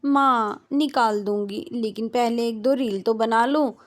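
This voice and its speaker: A woman's voice: a little high, fairly even intonation, unhurried, natural voice. A woman voicing a bubbly, cheeky young woman who talks in a chirpy, playful, exclaiming way. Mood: teasing.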